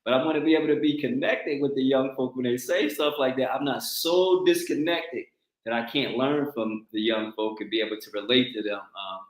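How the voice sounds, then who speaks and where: Lively middle-aged Philly man, echoey room. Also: medium pitch, brisk. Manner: animated storyteller, acts out quotes, laughs often. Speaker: talk show host. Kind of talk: casual chat. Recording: roomy echo.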